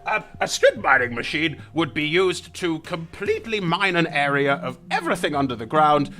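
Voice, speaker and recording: A man's voice: on the high side, sing-song, moderate pace, music in the background, voice pushed up. A man voicing a very old, crotchety, condescending technician in a tabletop role-playing game. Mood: condescending, intrigued. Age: very old man as played.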